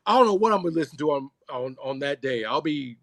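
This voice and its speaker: A middle-aged man on a sports podcast roundtable, telling animated, profane stories in casual banter. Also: on the high side, fast, no echo. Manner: animated storyteller, swears freely. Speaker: roundtable panelist.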